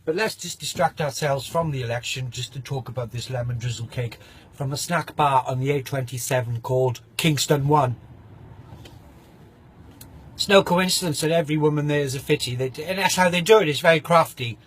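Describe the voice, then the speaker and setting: A man's voice: medium pitch, a little fast, slightly rough. A man vlogging casually, ranting in a mocking, opinionated way and sometimes talking with his mouth full.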